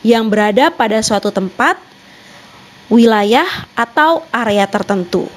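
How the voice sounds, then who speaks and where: A young woman teaches an online lesson in a slightly high voice. She explains patiently and methodically, moving from point to point with lots of examples and little linking words. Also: animated, a little slow. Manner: explanatory, with many examples and "nah" transitions.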